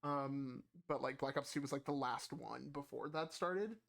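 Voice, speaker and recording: A man's voice: mid-range voice, moderate pace, creaky, a bit bright. A man co-hosting a casual gaming podcast, rambling with lots of fillers and restarts. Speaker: podcast co-host.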